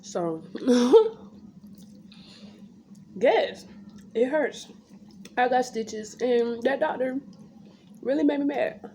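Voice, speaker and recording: A woman's voice: sits high, animated, drawn-out words, long pauses, warm tone. A young woman chatting casually to camera, telling a story in a blunt, unfiltered, slangy way. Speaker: vlogger telling her birth story. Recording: background noise, home ambience.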